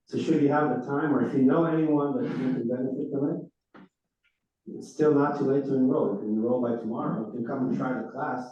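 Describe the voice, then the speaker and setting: Speaking fairly quickly with a medium pitch and fairly even intonation, a rabbi who grew up speaking Hebrew walks his congregation through upcoming classes in a casual, chatty way. He is recorded in a big synagogue room, so he sounds far off, dull and echoey.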